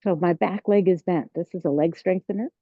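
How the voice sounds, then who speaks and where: A woman's voice: lowish voice, fairly quick, phone-quality sound. Serene woman tai chi instructor, roomy sound. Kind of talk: guided tai chi class cues.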